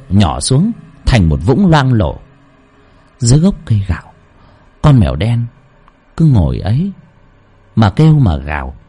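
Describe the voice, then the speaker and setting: A man's voice: on the low side, mellow, slightly rough. Man narrating a ghost story dramatically. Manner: dramatic, swooping delivery.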